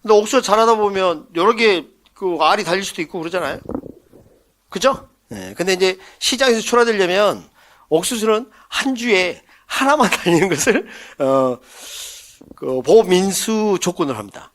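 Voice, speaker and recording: A man's voice: high voice, very animated, a bit bright. A man teaching an exam-prep lecture, joking and acting out little scenes as memory tricks and quizzing his listeners as he goes. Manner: playful, jokes and mimics scenes for mnemonics; quizzes listeners with quick questions.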